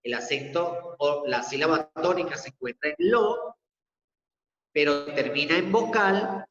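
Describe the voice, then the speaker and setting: A male teacher leading an online class and explaining each step slowly and methodically. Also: a little high, fairly bright tone. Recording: echoey dull lo-fi room audio.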